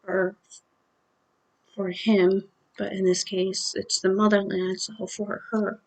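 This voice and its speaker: A woman's voice: mid-range voice, little pitch movement, slow pace, rough recording. A woman hosting a music reaction video, talking through her thoughts in an earnest, apologetic way. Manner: earnest and apologetic, thinking aloud. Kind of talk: casual music reaction commentary.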